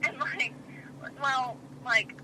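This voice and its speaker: A woman's voice: high voice, extremely slow, noisy background. A woman from Tennessee with a Southern accent, chatting casually as a podcast guest, giggly and self-deprecating. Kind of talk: casual chat.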